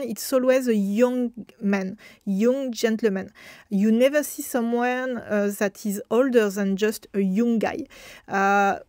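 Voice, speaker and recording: French-accented woman, halting and dry. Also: a little high, darkish tone, no room sound. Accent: strong French. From France. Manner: hesitant, many fillers and repeated words. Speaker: host. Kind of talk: casual educational talk on historical fashion.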